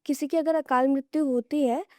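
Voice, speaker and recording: A woman's voice: high-pitched, fairly even intonation, normal speed, dry recording, studio quality. A young woman telling horror stories casually on a podcast, pulling the listener in with what-if scenarios. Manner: casual, draws the listener into hypotheticals. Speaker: horror storyteller guest. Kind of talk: conversational horror storytelling on a podcast.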